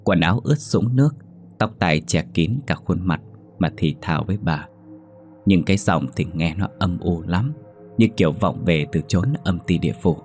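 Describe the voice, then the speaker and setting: A man narrating a ghost story in a slow, somber, dramatic way. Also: deep voice, animated, a little mellow, faint music behind.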